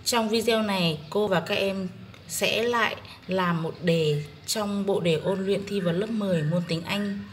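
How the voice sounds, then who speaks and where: Slow, methodical Vietnamese woman teacher. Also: mid-range voice, slight background noise. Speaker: English teacher. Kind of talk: exam-prep lesson walkthrough.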